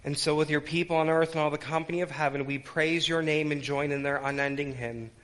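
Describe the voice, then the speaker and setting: A male pastor with a somewhat high voice leads a church service. He delivers sermon and liturgy solemnly, shaping his words in short, measured clauses. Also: steady tone, fairly bright tone. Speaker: pastor leading worship and communion.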